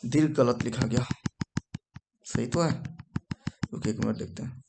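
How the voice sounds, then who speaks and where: A man's voice: mid-range voice, gravelly, noisy background. A male teacher giving a whiteboard grammar lesson, repeating himself, checking in often and stopping to fix what he wrote. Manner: repetitive, checks in with "ठीक है"; pauses to correct and erase the board.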